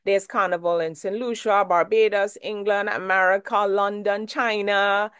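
A woman's voice: mid-range voice, fairly even intonation, moderate pace, fairly bright tone. Chatty woman from Trinidad hosting. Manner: chatty, friendly questioning. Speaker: show host. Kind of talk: casual interview hosting.

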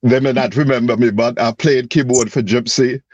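A man's voice: mid-range voice, fairly even intonation, moderate pace, breathy edge, no room sound. Modest man, muffled and dull. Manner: humble, admiring. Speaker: guest keyboard player. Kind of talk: casual talk.

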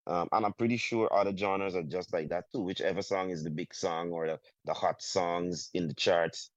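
A man from Guyana with a Guyanese accent, a soca artist talking in a casual interview, halting and full of restarts. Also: deep voice, fairly even intonation, dry recording. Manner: halting, many restarts, drawn-out phrases. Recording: dull, muffled sound.

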